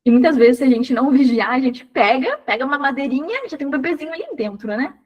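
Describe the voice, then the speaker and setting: Lively woman giving a devotional talk. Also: high-pitched, fast, dull audio. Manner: animated, acts out voices and sounds to illustrate points; speaks directly to listeners, calling them by name. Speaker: speaker at a women's devotional program.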